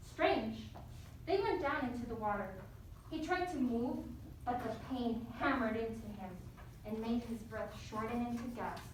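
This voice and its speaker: An elementary school teacher with a higher voice leads her class and reads a story aloud, encouraging the pupils and addressing them as friends. The recording is very echoey, picked up by a distant mic with faint noise.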